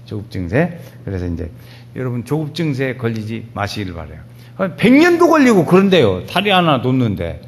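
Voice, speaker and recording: A male pastor preaching a sermon in a folksy, animated storytelling manner, with sudden loud rises. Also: medium pitch, fairly quick, slight background noise.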